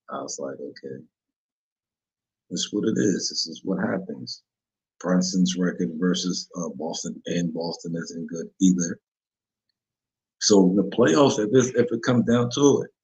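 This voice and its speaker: A man hosting a casual solo sports betting talk show, rambling in slang and often correcting himself. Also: sits low. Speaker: sports betting podcast host. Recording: dull lo-fi recording.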